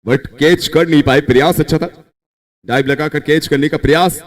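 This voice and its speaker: A man giving excited live cricket commentary, his voice leaping up on the big shots. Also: fairly high pitch, normal speed.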